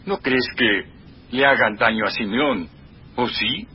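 An actor playing an anxious, puzzled brother in a Spanish biblical drama, with a husky, raspy voice. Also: male voice, medium pitch, unhurried, dull audio, slight background noise, natural voice. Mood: worried. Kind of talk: Spanish-language dubbed biblical drama acting.

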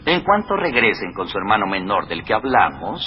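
An actor playing a shrewd, composed governor in a Spanish biblical drama, measured and authoritative. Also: male voice, on the low side, big pitch swings, lo-fi sound, a little hiss or hum. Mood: stern, knowing. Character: Joseph, shrewd composed governor hiding his identity. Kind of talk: Spanish-language dubbed biblical drama acting.

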